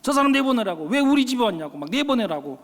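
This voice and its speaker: A pastor quoting a frightened, hostile older female shaman in a gruff, curt voice. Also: very high voice, sing-song, quick pace, fairly bright tone, full character voice. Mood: scared, hostile. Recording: long church hall reverb.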